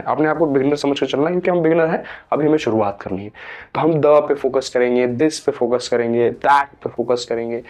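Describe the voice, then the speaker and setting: A man's voice: on the high side, a little mellow. A young man with an Indian English accent teaching a pronunciation lesson, patiently explaining and repeating example words, stretching them out.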